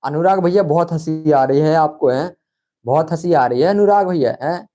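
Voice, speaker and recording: Young male online tutor, high-pitched, repetitive and coaxing, quizzing a live class. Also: moderate pace, warm tone. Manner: coaxing, repetitive, calls students brother. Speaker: online exam-prep teacher.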